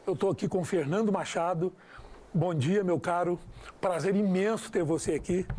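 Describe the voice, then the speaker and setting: High-voiced, chatty Brazilian radio host man. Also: a little mellow. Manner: chatty, enthusiastic, restarts his phrases. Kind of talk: radio interview.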